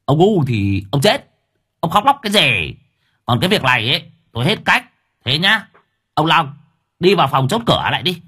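A man voicing a young master who scolds in a shrill, choppy voice. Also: big pitch swings, moderate pace, pauses often, pushed and bright, slightly rough, heavily acted. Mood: scolding.

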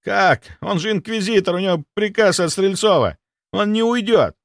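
A man's voice: animated, normal speed, creaky, no echo, clean studio sound. A man voicing a panicky middle-aged male clinic director who talks in an anxious, pleading rush. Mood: panicked. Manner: anxious, pleading, high-strung.

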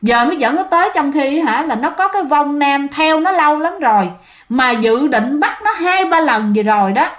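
Woman telling it as a startled old shaman, high and exclaiming. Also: animated, moderate pace, a bit bright. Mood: alarmed. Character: old male village shaman, alarmed and urgent.

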